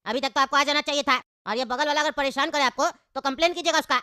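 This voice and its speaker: A woman's voice: high-pitched, quick pace, pushed and bright, no room sound, clean studio sound. A woman voicing a son who fusses over his sick father on the phone and scolds a rude passenger. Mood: advising. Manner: fussing, advising, scolding. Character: fussy caring son on the phone. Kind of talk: comic cartoon voice acting.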